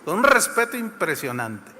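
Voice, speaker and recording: A man's voice: high voice, very animated, normal speed, pushed and bright, in a large hall, slight background noise. A man with a Mexican accent preaching a sermon, retelling scenes vividly and addressing the congregation. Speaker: pastor.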